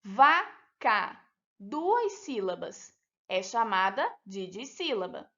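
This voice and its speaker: A woman teacher with a Brazilian Portuguese accent, talking children through a lesson with slow, clear, deliberate pronunciation. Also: sits high, lively intonation, a bit bright. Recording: dull lo-fi sound.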